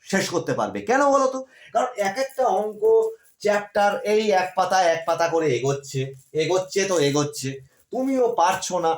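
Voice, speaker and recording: Lively male tutor, echoey. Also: high-pitched. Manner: lively, coaxing, repeats points and asks "ঠিক আছে?". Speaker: online tutor for school exams. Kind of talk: encouraging study-advice talk to students.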